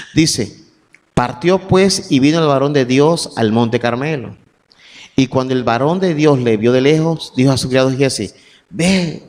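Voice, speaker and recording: A man preaching a sermon, reading scripture verses and then building to shouted emphasis. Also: mid-range voice. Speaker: pastor. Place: church sanctuary. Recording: long church reverb, faint music.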